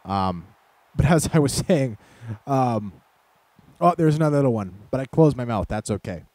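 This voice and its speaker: A man's voice: medium pitch, expressive, moderate pace, darkish tone, no room sound. A man giving casual, rambling commentary over a football video game, with sarcastic, self-deprecating asides, recorded close on a desk microphone at home. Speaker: gaming commentator.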